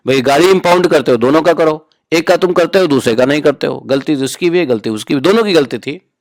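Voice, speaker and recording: A man's voice: a little high, brisk, no room sound. A man as spiritual teacher giving a conversational scripture discourse, often asking listeners rhetorical questions and telling informal stories. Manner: informal, storytelling asides.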